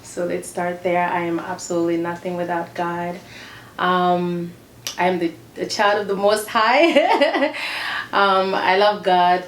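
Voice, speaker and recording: A woman's voice: on the low side, steady tone, slow. Earnest woman guest in an echoey room. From Congo DR, raised in Zambia. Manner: earnest, laughs often, repeats herself. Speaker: gospel singer, guest. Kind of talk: casual interview. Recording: echoey room with faint noise.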